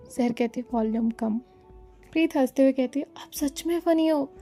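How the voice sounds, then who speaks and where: Female storyteller, high and warm, soft music bed beneath. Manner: reads every character's lines in her own voice, calm and even. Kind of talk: scripted story narration.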